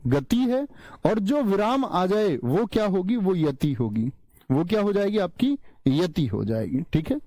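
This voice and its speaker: A male teacher giving an online class lecture, speaking slowly, repeating key terms and quizzing his students. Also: a little high, mellow, dry recording. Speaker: Hindi teacher.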